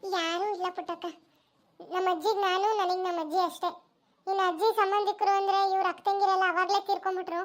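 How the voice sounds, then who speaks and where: A young village widow in a cartoon, humble and pleading, her voice sitting very high and thin, as a woman acts her out. She speaks in a soft, beseeching way. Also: level tone, quick pace. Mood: grieving. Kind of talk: cartoon voice acting.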